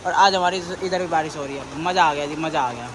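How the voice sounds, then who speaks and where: A man's voice: on the high side, a little fast. A young man chatting casually to the camera for his family vlog, talking straight to viewers and teasing his dog. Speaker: vlogger. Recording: noisy handheld phone recording.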